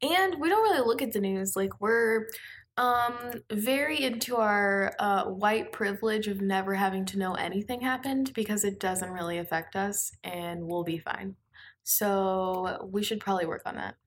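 A woman's voice: mid-range voice, normal speed, slight background noise. A woman co-hosting a podcast in casual, laid-back, slangy chat. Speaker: podcast co-host. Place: at home in an apartment.

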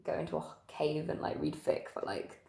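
A woman co-hosts a podcast, chatting casually and informally with loose phrasing and hedges like "like" and "kind of." Her low, mellow voice is animated, with vocal fry, at a normal pace. The recording has a roomy echo.

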